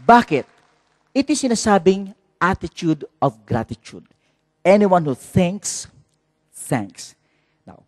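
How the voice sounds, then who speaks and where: Man, Filipino accent, priest, sermon, high voice, close dry sound. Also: no room sound. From Philippines. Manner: lively, mixes Tagalog and English, calls out to the congregation.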